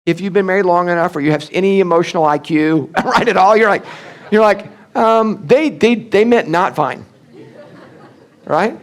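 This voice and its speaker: A middle-aged man, a senior pastor giving an animated, conversational church talk that often slips into acted-out quoted voices. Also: high voice, normal speed. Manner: animated, acts out quoted voices, many restarts and fillers.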